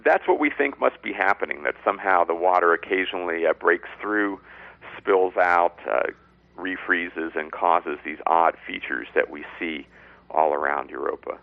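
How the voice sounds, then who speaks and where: Narrow telephone-like sound, man, deep register, expert interview guest, measured plain explanations. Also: gravelly, dry recording. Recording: narrow, phone-like line.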